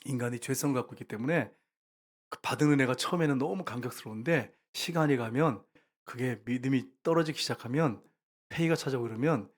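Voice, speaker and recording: A man preaching a sermon to his congregation as their pastor. He speaks with emphasis and often rises to loud, repeated calls to the listeners. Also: medium pitch, fairly quick. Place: church sanctuary.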